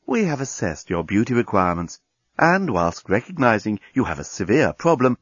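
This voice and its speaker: A man voicing a calm, formal machine voice that reassures a patient. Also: mid-range voice, dry recording, lo-fi sound. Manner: smooth, soothing, formal.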